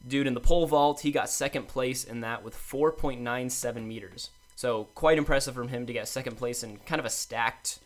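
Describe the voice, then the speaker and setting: Young man reading sports results. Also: medium pitch. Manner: brisk list-reading, upbeat. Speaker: co-host of a college sports podcast. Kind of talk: casual chat, reading results.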